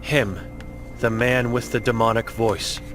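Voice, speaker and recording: A man's voice: medium pitch, fairly even intonation, measured pace, over music, close to an everyday voice. A man voicing an old blind mute woman in a game, grim and guilt-ridden, speaking in terse, broken phrases.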